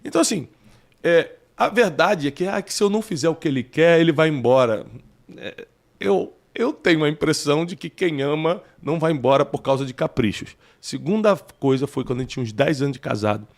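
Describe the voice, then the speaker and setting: A man in his forties with a Brazilian Portuguese accent, hosting a casual interview and telling personal stories, breaking into loud, high bursts at the punchlines. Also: lively intonation, brisk, gravelly. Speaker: host.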